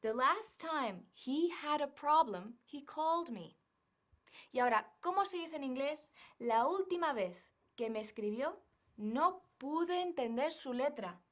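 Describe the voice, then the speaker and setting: Female English teacher, slightly high voice, slow scripted lesson delivery. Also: animated. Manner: slow, careful, models English phrases.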